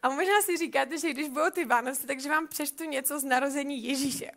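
A woman's voice: high-pitched, a bit bright. A woman reading a Bible passage and reflecting on it in a conversational way, often repeating words as she thinks.

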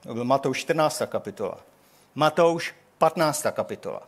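An older man preaching a sermon in a hall, telling the story in an animated way and acting out the quotes. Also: medium pitch.

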